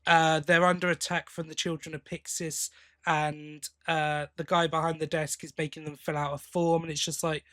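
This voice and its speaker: With a slightly high, bright voice, little pitch movement, and normal speed, this British co-host jokes around blokily on a podcast. It's a casual chat reviewing something as fans.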